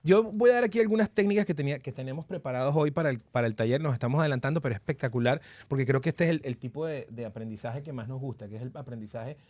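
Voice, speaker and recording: A man's voice: mid-range voice, rapid-fire, hardly any pauses, a little mellow, dry recording. A man hosting a live online workshop, talking through steps in a reflective coaching tone, often restarting his sentences. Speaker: workshop host.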